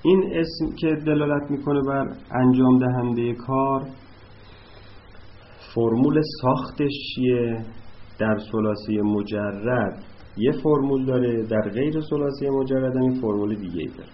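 A man teaching an Arabic grammar lesson, explaining word patterns slowly and patiently as he writes examples on a board. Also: medium pitch. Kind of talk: classroom lesson. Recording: dull lo-fi recording with faint noise.

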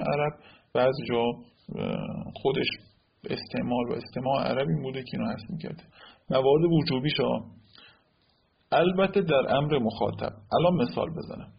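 A man's voice: fairly high pitch, gravelly, breathy edge, dull audio. A man teaching an Arabic grammar lesson, explaining step by step and often checking with "right?".

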